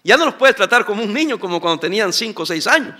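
A man's voice: sits high, sing-song, fast talker, bright, forceful tone. A middle-aged man, a pastor preaching a sermon and asking his congregation for responses. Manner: preaching with call-and-response questions.

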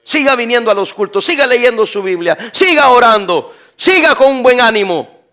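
An older man, a pastor, preaching a sermon, moving from quiet talk to shouting. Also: very high-pitched, normal speed. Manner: animated preaching, swings from soft to shouting.

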